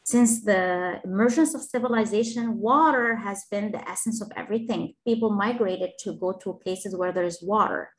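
On a low-quality recording, a female engineering professor from Egypt gives a webinar talk at normal speed with few pauses, her voice mid-range. As the guest speaker, she answers questions earnestly, with fillers and false starts.

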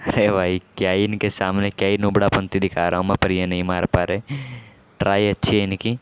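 A man hosting a gaming channel, giving casual commentary on a match with excitable, self-mocking banter and lots of repeated exclamations. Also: low voice, fairly quick, slight background noise. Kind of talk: casual live game commentary.

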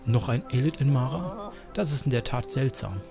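Man voicing old woman elder, stern, lecturing, gravelly, middle pitch. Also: lively intonation, moderate pace, over music. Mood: warning. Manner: lecturing, firm.

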